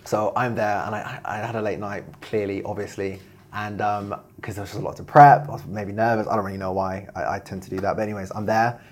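Young man, low voice, chatty storyteller, lots of fillers. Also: quick pace. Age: young adult. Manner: animated storyteller, many fillers, laughs while telling. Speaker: guest, video production founder. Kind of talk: casual storytelling interview.

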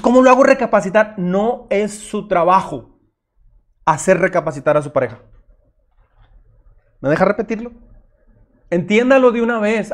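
A middle-aged man, preaching a sermon as pastor in an earnest, direct way. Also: high-pitched. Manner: earnest, direct, addresses listeners as usted, acts out their objections.

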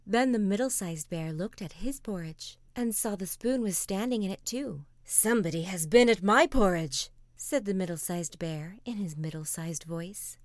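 A woman reading a fairy tale as a soft bedtime story, often slipping into a whisper. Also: mid-range voice, expressive, normal speed, few pauses, no room sound, clean studio sound.

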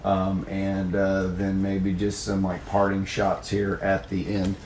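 A man with a low, gravelly, worn voice hosting a casual gaming podcast solo, in a meandering, self-deprecating way. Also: completely flat delivery, slow pace, darkish tone. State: voice worn from talking over crowds of children. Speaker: podcast host. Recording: noticeable background noise.

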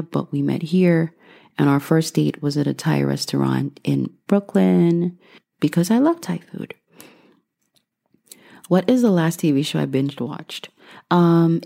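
A woman's voice: deep voice, gravelly, mellow. A woman in her thirties from Guyana, answering questions in a casual vlog with a reflective, dry sense of humor. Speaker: vlogger.

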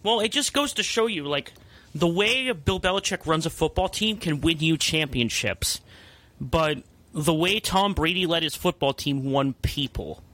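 A man's voice: a little high, expressive, normal speed, bright, forceful tone, dry recording. A man hosting a casual sports podcast, introducing his co-hosts, laughing easily and making emphatic points. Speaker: podcast host.

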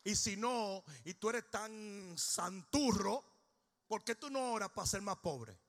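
A male pastor, preaching a humorous sermon that swings from shouting to low, joking storytelling. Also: animated, slow pace.

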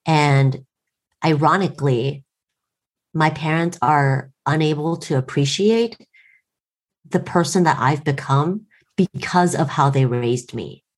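A woman in her late thirties from the United States, with an American accent, tells a wry, self-deprecating story in casual conversation. Her voice sits low and she speaks slowly, and the recording is low quality.

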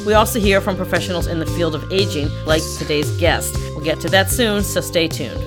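A woman hosting a podcast, reading a scripted introduction and then interviewing her guest with soft acknowledgements. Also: lowish voice, expressive, fairly quick, music in the background. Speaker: podcast host.

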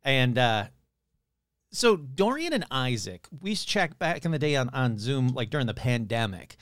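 A man's voice: mid-range voice, sing-song, moderate pace, fairly bright tone, no echo. A man hosting his podcast, chatting casually in a loose, rambling, playful way with some swearing. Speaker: podcast host.

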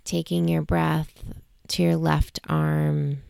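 A woman guiding a sleep meditation in a slow, soothing, hushed way. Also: low-pitched, flat delivery, creaky, smooth, no echo, clean studio sound. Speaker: meditation guide.

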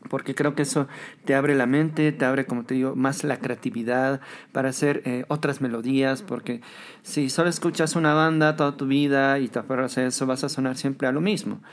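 A young Bolivian man talks in a loose, conversational way, tossing in little tag questions as he goes. His voice sits at an ordinary middle pitch with a Bolivian Spanish accent. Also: fairly even intonation, a little fast. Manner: chatty, with frequent tag questions and playful mimicry. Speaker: guest musician, pianist. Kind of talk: casual interview talk.

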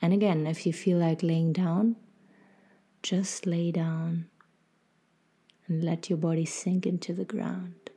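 A woman hosts a guided meditation in a mellow, slightly low voice. She speaks very slowly and softly, with a gentle, soothing manner and little rise or fall. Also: level tone, slightly rough. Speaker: podcast host and meditation guide.

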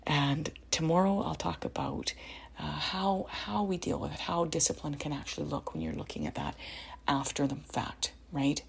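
A middle-aged woman talks through parenting advice in a deep, very breathy voice with a gravelly edge. She sounds earnest and encouraging, and often checks in with "you know" and "right?". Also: lively intonation, moderate pace. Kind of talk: casual spoken advice talk.

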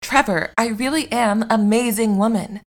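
A woman's voice: fairly high pitch, normal speed, very noisy, lightly acted. A woman playing an earnest superhero bride. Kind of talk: audio drama acting.

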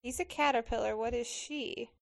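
A high-pitched woman reacting to a movie in casual chat. She is expressive and gushing, as if talking to someone beside her. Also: moderate pace, creaky. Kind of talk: casual film-watching chat.

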